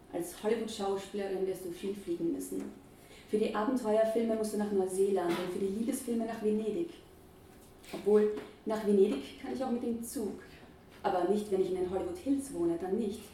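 A woman narrates a first-person story in a lively, nervous voice. Her tone is mellow and dark. The recording sounds very roomy, taken from some distance, with a faint hiss behind it. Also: mid-range voice. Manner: lively, nervous inner monologue. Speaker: audiobook narrator.

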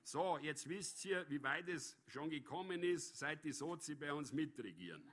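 A man's voice: fairly high pitch, moderate pace, fairly bright tone. A boastful, aggressive village man, put on by a male reader hectors the room in a raised voice. He sounds bitter and pushy, his voice lifted above a plain speaking tone. A storybook figure with a hard, jeering bite. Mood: indignant.

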